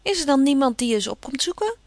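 A woman's voice: sits high, big pitch swings, fast talker, darkish tone, no room sound, pitched above the performer's own voice. A woman reading aloud, voicing a spirited, outspoken teenage girl in a storybook. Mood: cheery.

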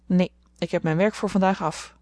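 A woman's voice: on the low side, fairly even intonation, normal speed, a little mellow, natural voice. A woman voicing a cheerful, eager teenage boy with a breezy, playful manner.

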